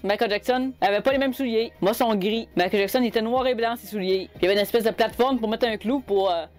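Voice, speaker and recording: Speaking to camera in a Québécois French accent, a young woman from Quebec who vlogs about cosplay shares stories casually. Her medium-pitched voice has a darkish tone, and she comes across chatty and exasperated, with quick asides.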